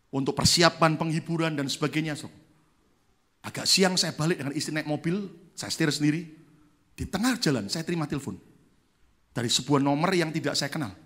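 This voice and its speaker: A male pastor preaching a sermon, telling a story and acting out the people in it. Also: fairly high pitch. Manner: lively storyteller who acts out the people in his story. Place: church.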